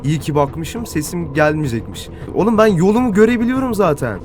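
A man's voice: fairly high pitch, animated, a little fast, a little mellow, slight background noise. A man doing let's-play commentary on a horror game, swearing a lot and shrieking when he gets scared. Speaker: gamer and dubber.

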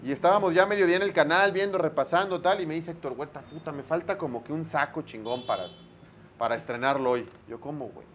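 A Mexican man, a sports broadcaster, telling lively anecdotes in a casual interview, full of slang and acted-out dialogue. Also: fairly high pitch, quick pace, slight background noise.

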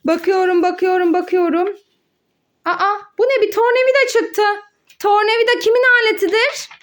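A mother hosts a children's educational play video in a very high voice with fairly even intonation at normal speed. She narrates a learning game for kids in a sing-song, exclaiming style, asking questions and answering them herself.

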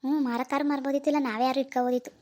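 A woman voicing an easygoing young village husband in a cartoon, talking fast and chatty. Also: high voice, steady tone, mellow, a little hiss or hum, lightly acted. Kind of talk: cartoon voice acting.

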